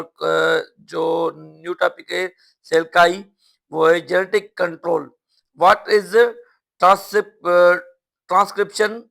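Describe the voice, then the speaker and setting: Creaky bright-voiced man reading a lesson. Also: high-pitched. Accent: Pakistani. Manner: reads question and answer, then repeats each term with its meaning. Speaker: teacher. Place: school classroom or study room.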